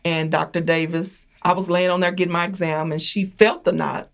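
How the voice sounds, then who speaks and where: A woman with a somewhat low voice speaks as a guest in a conversation. She recounts her own experience plainly and in a matter-of-fact way. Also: steady tone, moderate pace, gravelly. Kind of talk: personal account in conversation.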